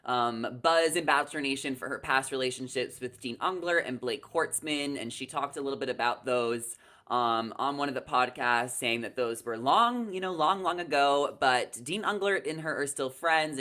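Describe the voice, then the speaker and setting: Over a video call from a small indoor room, a young man co-hosts a reality TV recap show with casual, chatty, emphatic live commentary. His mid-range voice sounds pushed and bright at a normal speed.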